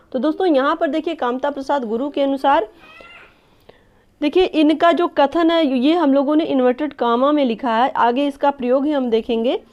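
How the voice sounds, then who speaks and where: A woman teacher giving an online lesson, explaining step by step, addressing viewers as friends and often checking with "clear?". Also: sits high. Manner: checks understanding with a repeated "clear?". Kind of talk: online exam-prep lesson. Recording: dull lo-fi recording.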